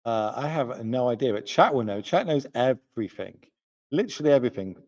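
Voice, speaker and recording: A man's voice: mid-range voice, animated, a little mellow, lo-fi sound. Chatty tired young man commentating. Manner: chatty, joking, quick asides. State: tired late at night. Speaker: tournament commentator. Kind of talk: live esports commentary.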